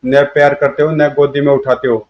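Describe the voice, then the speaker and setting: A man's voice: medium pitch, little pitch movement, moderate pace, natural voice. A man voicing an old man over seventy who whines and pleads like a six-year-old boy, in a comic storybook reading. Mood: whining. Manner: childlike, whiny pleading. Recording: dull lo-fi audio.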